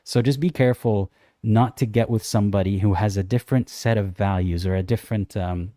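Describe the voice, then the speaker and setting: A young man co-hosting a casual livestream chat, reading out viewer comments and answering them in a thoughtful, measured way. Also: on the low side, steady tone, mellow, no room sound, clean studio sound.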